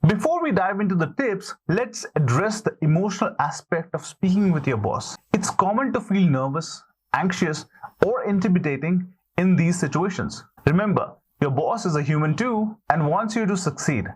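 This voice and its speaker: A man presenting scripted motivational advice as a video coach, with an encouraging, earnest manner and deliberate emphasis. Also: sits high, lively intonation, slightly rough. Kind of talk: scripted motivational instruction to camera.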